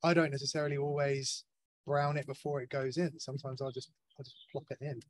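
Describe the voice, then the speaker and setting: A man's voice: mid-range voice, level tone, brisk. A man co-hosting a casual cooking chat, chatty, asking questions and joking about himself. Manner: chatty, asks questions, self-deprecating. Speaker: butcher co-host. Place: outdoors at a barbecue.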